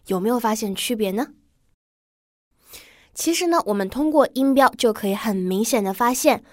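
Woman language teacher, bright-ish higher voice, dry studio read, slow deliberate model words. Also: dry recording. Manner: slow, drawn-out model pronunciations. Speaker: English teacher. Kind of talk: pronunciation lesson.

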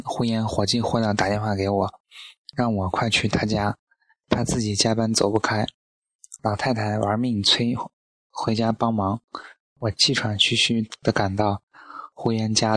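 A man's voice: fairly low pitch, a bit bright, dry recording. A man narrating an audiobook in a wry, humorous storytelling manner.

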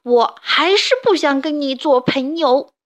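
A woman voicing a tiny, timid male mouse in a children's story, who speaks in shrill, indignant bursts. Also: expressive, unhurried, a bit bright. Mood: stubborn.

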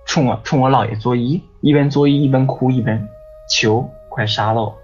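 A man with a husky, breathy voice tells a long personal story, circling back and repeating himself. The sound is dull and lo-fi, with faint music underneath. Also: mid-range voice, steady tone, moderate pace, darkish tone. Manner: rambling, repeats words, frequent "你知道吗". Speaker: guest. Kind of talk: casual storytelling on a ghost-story podcast.

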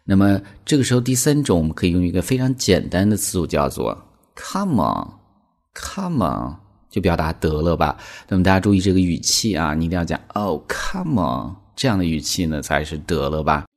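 A man with a low, darkish voice teaches English in a language lesson explainer, talking fast with few pauses. His style is chatty and explanatory, packed with small connecting words, especially frequent "那么" fillers.

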